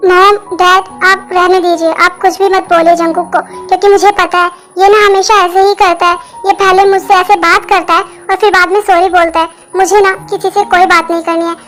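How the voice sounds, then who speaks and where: A woman's voice: very high-pitched, level tone, moderate pace, few pauses, fairly bright tone. A woman voicing a stubborn, sulky pregnant young wife who talks insistently, in a Hindi fan dub. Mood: hurt. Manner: insistent, petulant. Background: background music.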